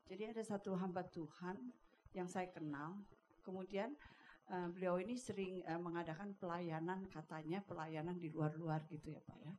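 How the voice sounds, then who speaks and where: A woman's voice: fairly low pitch, darkish tone. Hesitant woman asking the pastor, faint noise. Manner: polite, hesitant, many fillers. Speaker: congregation member asking a question. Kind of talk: hesitant question from the floor. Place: church hall.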